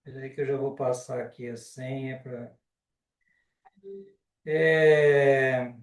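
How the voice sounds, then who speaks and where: A man with a Brazilian Portuguese accent teaching a live online class, unhurried and often ending sentences with a checking question. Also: mid-range voice, fairly even intonation, far from the mic. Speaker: Sanskrit teacher. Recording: roomy and off-mic.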